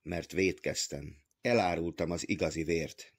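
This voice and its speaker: A man voicing a proud, defiant ancient man who has repented, speaking calmly and firmly in an audiobook reading. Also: sits low, breathy edge. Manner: calm, firm, stubborn.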